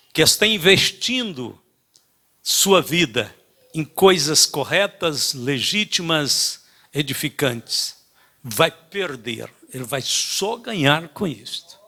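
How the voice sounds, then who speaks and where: An older man preaching a sermon, telling a story in an emphatic way with many halting restarts. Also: a little high, very animated, sharp tone. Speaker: pastor.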